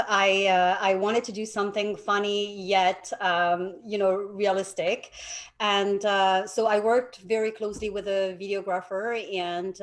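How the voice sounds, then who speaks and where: A middle-aged woman with a French accent talks through her story as an interview guest. She recounts events with energy, often acting out what others told her, at an everyday mid-range pitch. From France. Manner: lively storytelling, quotes others animatedly. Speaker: guest, realtor. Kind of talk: casual interview.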